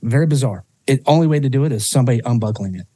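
A man's voice: medium pitch, expressive, very fast, mellow, breathy edge, no room sound. A man guest on a podcast telling a personal story with emotion, swearing freely and restarting his sentences often.

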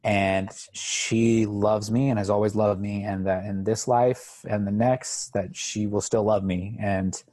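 A young man guest on a podcast, talking in a halting way with many restarts. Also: fairly low pitch, steady tone, mellow, no room sound. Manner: halting, repeats words as he talks. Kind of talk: casual podcast chat.

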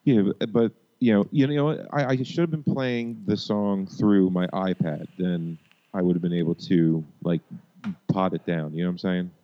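A man with a deep bass voice co-hosting a casual podcast, speaking haltingly with repeated words and free swearing. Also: steady tone. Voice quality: deep, bassy voice. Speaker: podcast co-host. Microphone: podcast microphone through a mixer. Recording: dull, muffled home podcast audio.

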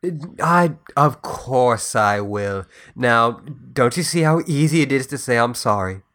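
A man playing a sarcastic, grumpy newcomer on a spaceship, with a deadpan delivery. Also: medium pitch, unhurried. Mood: smug. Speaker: improv comedy performer. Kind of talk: improvised comedy podcast.

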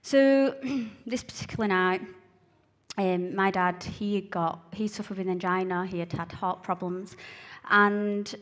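A woman with a broad Scottish accent from Glasgow gives a personal testimony. Her voice sits at a medium pitch. She speaks earnestly and haltingly, often repeating a phrase to drive it home. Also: steady tone. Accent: broad Glaswegian Scottish. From Glasgow, Scotland. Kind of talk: personal testimony told to listeners.

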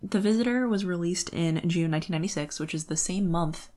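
The podcast's young co-host discusses books in a relaxed chat, her voice lowish and dark in tone, moving fairly quickly.

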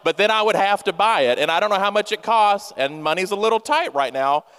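A pastor in his thirties delivers a humorous sermon in a church sanctuary, playful and self-mocking as he speaks directly to his congregation. His high voice is animated, fairly quick, a bit bright and clean in tone. Long church-hall reverb fills the recording.

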